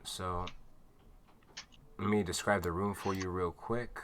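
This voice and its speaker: A man's voice: deep voice, fairly even intonation, takes it slowly, a bit bright. A man narrating a tabletop game as game master, casual and rambling with lots of fillers.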